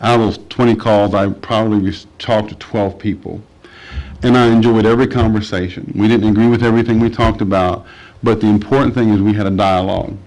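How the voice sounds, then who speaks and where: Brief: male councilman, lowish voice, measured and a bit halting, chamber desk mic. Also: steady tone, a little mellow, poor audio. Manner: measured, starts with halting fillers. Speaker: council member. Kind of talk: remarks at a council meeting.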